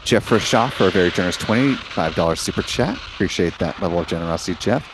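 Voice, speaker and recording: A man's voice: low-pitched, expressive, quick pace, noisy background. A man hosting a live stream, giving informative, orderly explanatory commentary.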